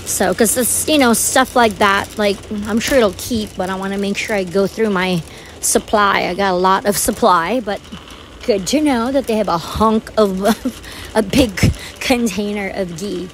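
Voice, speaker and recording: A woman's voice with a middling pitch, chatting to her viewers and rambling from one thing to the next as she walks through a big store. Store noise sits clearly behind her. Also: measured pace, rough recording. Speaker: vlogger. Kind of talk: casual chat while shopping. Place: large store.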